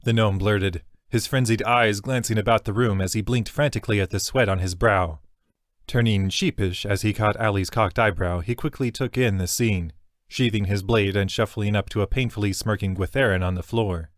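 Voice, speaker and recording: A man giving steady, measured narration of a fantasy audiobook into a close studio mic. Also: fairly low pitch, no room sound.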